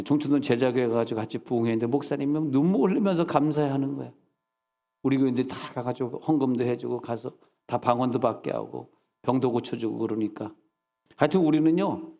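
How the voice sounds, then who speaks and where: A middle-aged man preaching in a church service, telling animated stories and scolding with mock insults. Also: on the high side. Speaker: senior pastor. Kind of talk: sermon. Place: church sanctuary. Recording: long reverb of a church hall.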